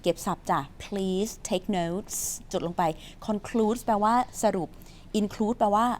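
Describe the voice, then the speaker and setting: A woman's voice: mid-range voice, takes it slowly. A woman teaching English from a news story in a chatty, playful way, quizzing her viewers and answering herself, and reading English.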